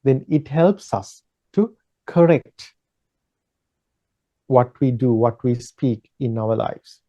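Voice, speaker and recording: A man who is a Buddhist monk, teaching a slow, measured dharma talk in a gentle, repetitive way with pauses and fillers. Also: mid-range voice, muffled recording.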